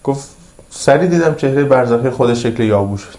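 A man preaching a sermon with a dark, mellow tone. He intones Arabic passages slowly and deliberately, then explains them in easy colloquial speech, repeating his phrases for emphasis. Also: mid-range voice, expressive. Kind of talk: religious sermon.

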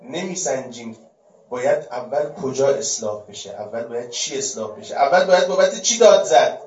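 A man giving a religious lecture, firing rhetorical questions and swinging between loud and hushed delivery. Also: medium pitch, expressive, slight background noise. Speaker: religious speaker. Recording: distant, echoey, dull-sounding.

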